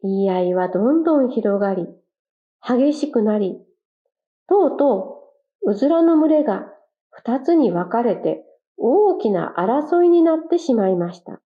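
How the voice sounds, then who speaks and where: A woman narrating a children's fable in a gentle, clear storytelling manner. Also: fairly high pitch, animated, unhurried. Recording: dull lo-fi recording.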